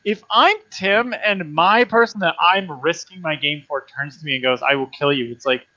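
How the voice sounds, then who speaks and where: A man's voice: high voice, moderate pace, pushed and bright, dry recording, muffled recording. A man hosting a casual panel chat, emphatic, acting out mocking retellings. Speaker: host.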